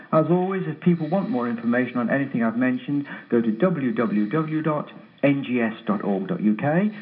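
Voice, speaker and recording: Guy calling in on a thin phone line, sounds like he's in a tunnel, echo everywhere, reads off details quick. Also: mid-range voice. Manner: brisk, reads out lists of details. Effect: echoey sound like a tunnel, from a freshly decorated bare room. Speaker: regular garden events contributor. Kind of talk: phoning in to a radio show, reading a listings roundup. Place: newly decorated empty home office. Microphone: telephone. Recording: tinny phone line, echoey room.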